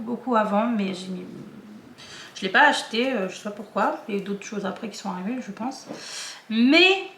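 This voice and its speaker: A woman's voice: fairly high pitch, fairly bright tone, reverberant, slight background noise. A woman vlogger chatting casually and hesitantly, with many fillers and restarts. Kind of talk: casual chat.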